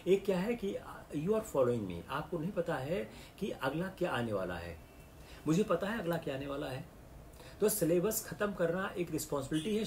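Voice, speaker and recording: A middle-aged man with an Indian accent, lecturing a class of exam candidates and switching into slow, careful English. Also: a little high, darkish tone, a little hiss or hum. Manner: mixes English into the talk, slow and deliberate in English. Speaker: civil services exam lecturer.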